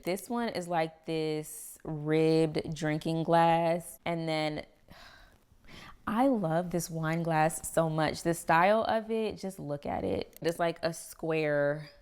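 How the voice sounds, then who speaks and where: A woman's voice: low-pitched, gravelly. A young woman chatting casually about home products in her kitchen, a bit out of breath, with a chatty manner full of "girl" and "y'all". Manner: chatty, says "y'all" and "girl", laughs often. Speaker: home vlogger.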